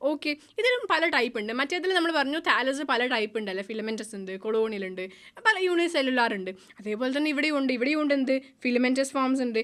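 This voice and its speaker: A woman's voice: high-pitched, bright, forceful tone. A woman with a Malayali accent teaching a biology class, mixing in English terms and asking the students questions she answers herself. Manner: mixes English terms into her speech. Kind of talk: online class lecture.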